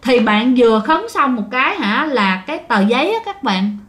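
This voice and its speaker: A woman's voice: on the high side, sing-song, moderate pace, a bit bright. A woman with a Southern Vietnamese accent, telling ghost stories in a chatty way and often addressing her listeners directly. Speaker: storyteller. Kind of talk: casual ghost story telling.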